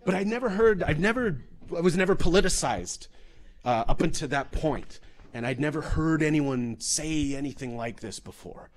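A man from Canada giving a comedic storytelling talk, animated and full of restarts and repeated words. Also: on the high side, moderate pace. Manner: animated, many restarts and repetitions. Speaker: public speaker.

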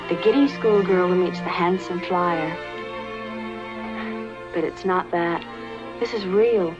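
An actress playing a middle-aged daughter home for Christmas, speaking with bright affection. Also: female voice, medium pitch. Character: warm, eager grown daughter in love with a pilot. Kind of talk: 1970s TV movie acting. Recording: film soundtrack with music under dialogue.

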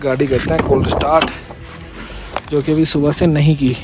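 A man's voice: a little high, little pitch movement, moderate pace, rough recording. Chatty man vlogging outdoors over music. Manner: chatty, coaxing the car along. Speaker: travel vlogger. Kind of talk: casual vlog narration. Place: outdoors by a parked car in the cold. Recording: background music under the voice.

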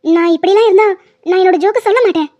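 A woman with a very high, mellow voice speaks at a racing pace, voicing a young woman patient in a cartoon drama. Teasing and chatty, the character jokes with her family before surgery, and the recording has a dull lo-fi sound.

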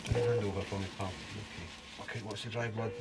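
A man on an ambulance crew, making brisk working remarks. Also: fairly low pitch, fairly even intonation. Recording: loud siren and vehicle noise.

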